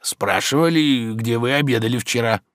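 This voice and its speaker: A man's voice: medium pitch, normal speed, a bit bright, no echo, lightly acted. A man reading an audiobook, voicing a stubborn, sly old male servant who grumbles with dry irony. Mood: grumbling. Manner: grumbling, ironic.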